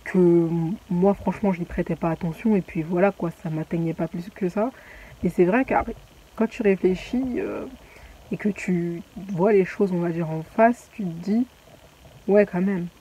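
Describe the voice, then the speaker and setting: A woman's voice: on the low side, normal speed, mellow, breathy edge, highs cut off. A young woman vlogging casually, rambling with many fillers and restarts. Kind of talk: casual chatty vlog.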